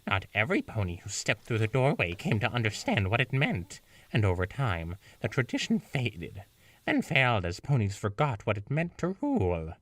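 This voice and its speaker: A man's voice: medium pitch, huge pitch swings, normal speed, a bit bright, no room sound, far from the mic. A man voicing a regal, ancient female pony princess, reading her lines in a stately, raised voice. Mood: solemn.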